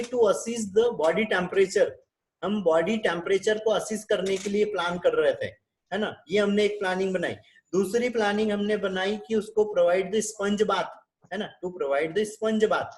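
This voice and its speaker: A man with an Indian accent teaching a nursing class over a video call, often checking with his students and mixing in English terms. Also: high-pitched. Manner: switches between Hindi and English. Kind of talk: online class lecture.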